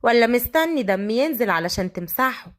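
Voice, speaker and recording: A woman doing a sharp-tongued young Egyptian street girl. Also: a little high, lively intonation, brisk, lightly acted. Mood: defiant.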